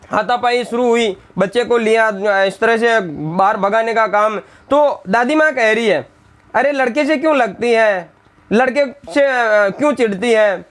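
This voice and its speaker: A male teacher with a high-pitched, fairly bright voice goes through a Hindi textbook lesson, reading lines aloud and then retelling them in simple words. He briefly acts out the scolding lines of the village women as he explains the text to his class.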